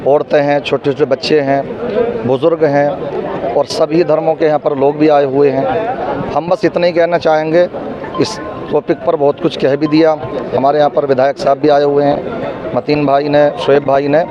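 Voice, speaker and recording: A man's voice: a little high, flat delivery, moderate pace. A man giving a protest statement to a reporter in a questioning, rhetorical manner. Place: outdoors amid a protest crowd. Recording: dull outdoor recording with crowd noise.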